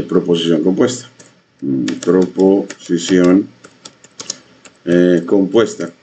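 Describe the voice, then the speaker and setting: A man teaching a coding lesson, talking in a halting way with many fillers and repeated phrases. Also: low-pitched, mellow, slight background noise. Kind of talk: screen-share coding lesson. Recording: dull lo-fi mic.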